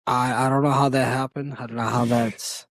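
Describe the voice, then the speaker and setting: A man co-hosts a casual podcast in a mid-pitched voice, often restarting his sentences as he thinks aloud. His remarks have a wry edge, and he is recorded close and dry. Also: flat delivery, moderate pace, fairly bright tone, no echo. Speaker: podcast co-host.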